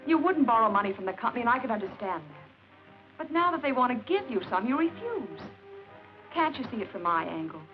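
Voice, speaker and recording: An actress playing a proud, hurt young fiancée in a 1950s film, talking emotionally and at times shouting. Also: female voice, on the high side, very animated, brisk. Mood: pleading. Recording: dull old film soundtrack with music.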